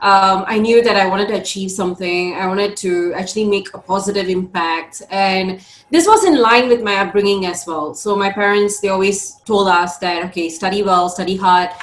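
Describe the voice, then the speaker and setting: A woman's voice: medium pitch, normal speed, slight background noise. Thoughtful Singaporean woman in an echoey room. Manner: thoughtful, many fillers. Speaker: podcast guest, career coach. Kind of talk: conversational interview.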